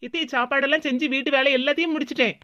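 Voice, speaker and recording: Woman doing a brisk young daughter-in-law. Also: high-pitched, steady tone, bright, forceful tone, lo-fi sound.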